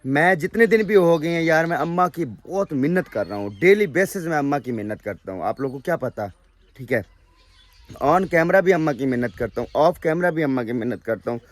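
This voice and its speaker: A man's voice: on the high side, lively intonation, fairly quick. A young man from Pakistan speaking with a tinge, vlogging casually to camera in an earnest, pleading way. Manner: earnest, pleading, repeats "okay?" tags. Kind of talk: casual vlog talk to camera.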